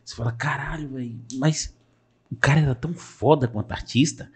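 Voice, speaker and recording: A man's voice: medium pitch, fairly quick, darkish tone, slightly rough. A man hosting a podcast, talking in a casual, earnest and reflective way with some joking. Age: adult father.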